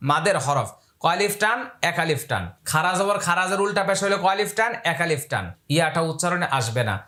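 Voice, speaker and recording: A man teaching Quran reading step by step, spelling out letters and vowel marks, then chanting each word slowly and repeating the rules. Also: high-pitched, expressive, sharp tone, echoey room. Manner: repeats key rules and asks the learners questions. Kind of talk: step-by-step recitation lesson.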